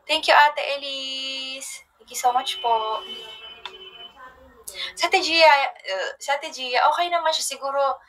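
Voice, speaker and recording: A young woman casually chatting on a livestream from her phone, telling rambling stories with soft trailing asides. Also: sits high, slow pace, long pauses, rough recording.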